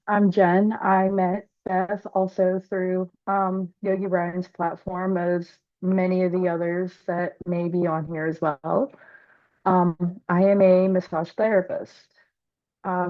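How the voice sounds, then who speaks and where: A woman introducing herself on a video call in a hesitant, halting way. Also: fairly low pitch, flat delivery, dry recording. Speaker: workshop participant, massage therapist. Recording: tinny phone-like call audio.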